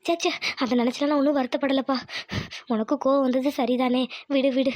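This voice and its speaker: A woman voicing a gentle older village mother-in-law who speaks softly and tenderly to her son. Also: high voice, steady tone, fairly quick, no room sound, pitched below the performer's own voice, close to an everyday voice. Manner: soft, tender, reassuring.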